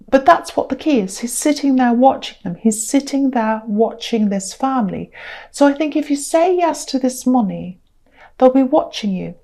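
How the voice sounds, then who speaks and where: A woman giving a casual tarot reading to camera, unhurried and repetitive with many ums, tired and speaking through a sore throat. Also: on the high side, warm tone. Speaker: tarot reader.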